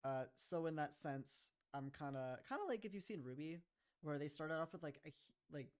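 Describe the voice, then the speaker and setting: A man's voice: a little high, animated, moderate pace. A young man streaming live, chatting casually about his own series and rambling with lots of "like" and "kinda". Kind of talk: casual livestream chat.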